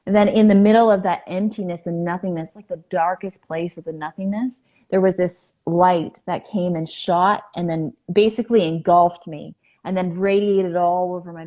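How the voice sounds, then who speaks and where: A woman guest on a podcast, telling a personal story in an earnest, halting way with many fillers. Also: fairly low pitch, a little mellow.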